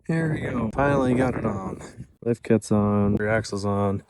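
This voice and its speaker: A man's voice: on the low side, normal speed, a little mellow, slight background noise. A young man casually narrating his truck project on a propped-up phone, rambling and self-deprecating as he works. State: out of breath at times. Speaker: DIY truck vlogger. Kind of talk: casual vlog narration while working. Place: backyard and workshop, indoors and out. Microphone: phone camera propped up nearby.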